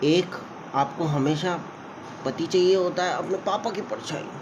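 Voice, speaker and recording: A man's voice: sits high, measured pace. A comedian vlogger doing a comic rant, mocking and lecturing as he talks straight to women. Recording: slightly muffled with faint background noise.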